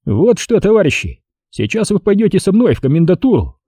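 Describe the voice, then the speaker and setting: A man's voice: sits high, big pitch swings, brisk, warm tone, slightly rough, dry recording, clean studio sound, pitched above the performer's own voice, heavily acted. A man voicing a strict, nervous patrol major who issues curt official commands, in an audiobook reading. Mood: stern.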